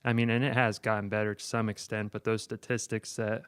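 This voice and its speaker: Smooth, low-voiced man on a podcast. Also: flat delivery, brisk, dry recording, studio quality. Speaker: podcast co-host. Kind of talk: casual film podcast chat.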